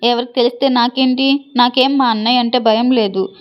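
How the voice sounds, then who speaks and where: A woman's voice: on the high side, steady tone, normal speed, dull audio, natural voice. A woman voicing a lovestruck young woman, defiant and tearful, in a read-aloud love story. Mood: pleading. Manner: pleading, emotional. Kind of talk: storybook reading.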